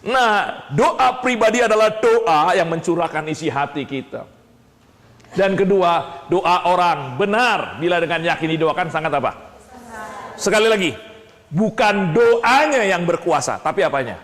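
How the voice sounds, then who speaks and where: A man preaching a sermon, asking his listeners questions and answering them himself, swinging between low asides and sudden high exclamations. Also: animated, measured pace, a bit bright. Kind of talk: sermon teaching. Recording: long hall reverb.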